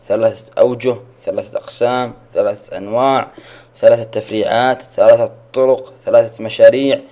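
A man's voice: medium pitch, warm tone. A man teaching a religious lesson online, asking questions, repeating them and praising his students' answers.

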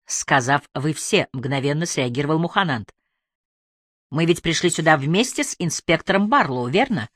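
A woman narrating an audiobook in a clear, expressive reading style. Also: low voice, moderate pace, no room sound, studio quality. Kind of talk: scripted narration.

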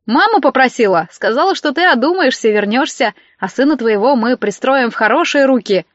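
A woman's voice: high voice, animated, fairly quick, dry recording, highs cut off. A woman reading an audiobook, voicing a smug, mocking young husband with a mannered drawl. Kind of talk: audiobook character voice.

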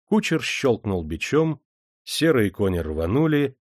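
A man's voice: on the low side, lively intonation, moderate pace, a little mellow, no echo, clean studio sound. A man narrating a historical novel as an audiobook reader. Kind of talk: scripted narration.

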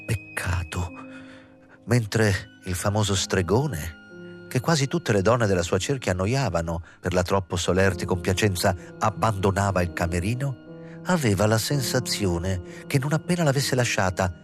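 Low-voiced man reading a novel aloud. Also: normal speed, music in the background. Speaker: audiobook reader. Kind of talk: literary audiobook narration.

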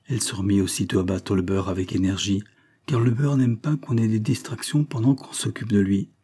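A man with a low, mellow voice reads a novel aloud. He keeps a measured, even storytelling pace. His tone is slightly husky throughout. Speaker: audiobook narrator. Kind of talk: scripted narration of a novel.

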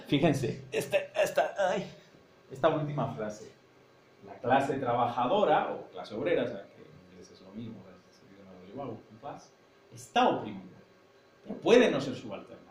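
With big pitch swings in a mid-range voice and a moderate pace, a man from Madrid lectures at a university seminar, the sound roomy. His Spanish accent is from Spain, and his manner is explanatory: he thinks aloud and frequently checks with "¿no?" that students are keeping up.

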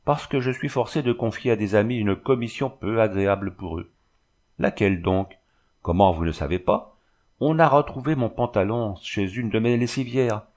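A fussy, indignant middle-aged wife, read by a man. The voice stays lowish and close to a plain reading voice, in an audiobook telling. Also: darkish tone, natural voice.

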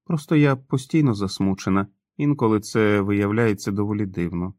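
A man's voice: on the low side, normal speed, dry recording, studio quality, close to an everyday voice. A man reading the part of a tense, blunt woman who snaps her replies. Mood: curt. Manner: sharp, snapping replies.

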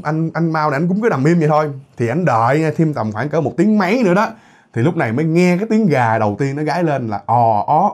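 A man recounts a ghost story at a rapid clip. His husky voice sits a bit high and swings widely in pitch. He talks chattily to his listeners, peppering the story with exclamations. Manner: animated, chatty, frequent exclamations and tag particles. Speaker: horror story narrator. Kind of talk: casual spoken storytelling to listeners.

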